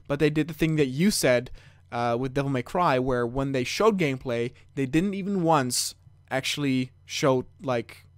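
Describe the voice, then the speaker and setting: A man's voice: mid-range voice, no echo. A man co-hosting a gaming podcast in casual chat, rambling and repeating words as he thinks. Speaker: podcast co-host.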